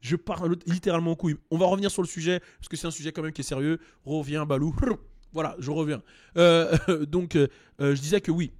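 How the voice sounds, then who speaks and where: Lively man chatting about rap news. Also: a little high. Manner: animated, acts out quotes in raised voices; digressive and joking. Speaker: host. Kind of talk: casual rap commentary.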